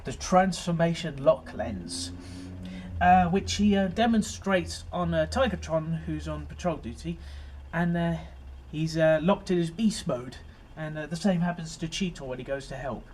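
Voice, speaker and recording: A man's voice: a little high, measured pace, darkish tone, a little hiss or hum. A man giving a casual, rambling overview of an episode as host of his fan series, full of fillers and restarts.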